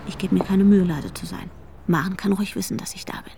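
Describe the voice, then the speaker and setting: A woman's voice: mid-range voice, quick pace, vocal fry, warm tone, whispered, lightly acted. A woman voicing a haunted, anxious young narrator. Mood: tense. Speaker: first-person narrator. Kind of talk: audio drama narration. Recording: music playing underneath.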